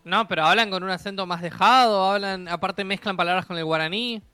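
A man from Uruguay with a Uruguayan accent, co-hosting a podcast in quick, emphatic, argumentative casual chat. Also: sits high, sharp tone, smooth, dry recording, soft background music. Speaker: podcast co-host.

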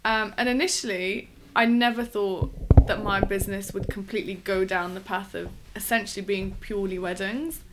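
Woman, interview guest, thoughtful, frequent ums, mid pitch, conversational. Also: fairly even intonation, moderate pace, few pauses, very noisy. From England. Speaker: wedding dress designer, guest.

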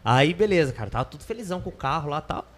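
A man's voice: on the high side, sing-song, very fast. A man with a Brazilian Portuguese accent from the São Paulo interior, telling a casual, slangy, digressive anecdote as a podcast guest. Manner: colloquial, slangy, digressive storytelling.

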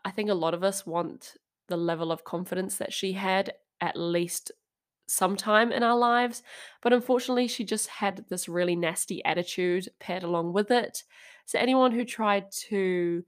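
A woman's voice: mid-range voice, normal speed, clear, resonant tone. A young adult woman hosting a podcast, telling a true-crime story in a casual, chatty and wry way with frequent asides. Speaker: podcast host.

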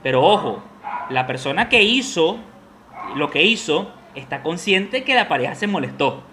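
A man's voice: fairly high pitch, very animated, normal speed, pushed and bright, slight background noise. A man with a Venezuelan accent co-hosting a casual chat, telling stories and acting out voices, laughing often. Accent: Venezuelan Spanish. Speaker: podcast co-host.

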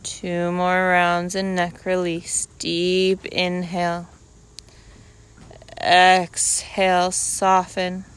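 Female yoga instructor, very clear smooth tone, even and calm delivery, unhurried short cues. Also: on the low side. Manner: calm, unhurried cueing in short measured phrases. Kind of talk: guided yoga class instruction.

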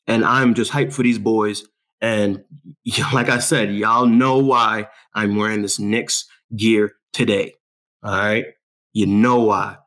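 A young man from New York hosting a talk show, ranting about his basketball team in an animated, boastful way with lots of street slang. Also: on the low side. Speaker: show host. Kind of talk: hyped sports talk monologue.

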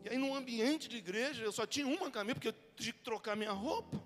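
A middle-aged man with a Brazilian Portuguese accent preaching a humorous testimony sermon. He tells the story in a lively way and acts out the people he quotes. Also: extremely high pitch, fast talker, faint music behind.

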